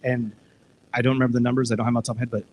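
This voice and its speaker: A man's voice: mid-range voice, level tone, very fast, darkish tone, a little hiss or hum, rough recording. Rambling man at a live discussion. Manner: rambling, with frequent restarts and filler words. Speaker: discussion panelist. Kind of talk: casual live discussion, retelling a TV episode. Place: live public discussion event, indoors.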